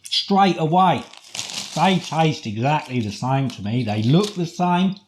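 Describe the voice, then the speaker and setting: British man, slow-paced casual food reviewer. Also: on the high side, expressive, a little hiss or hum. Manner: chatty, deliberate, with rhetorical questions. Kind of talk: casual product review talk.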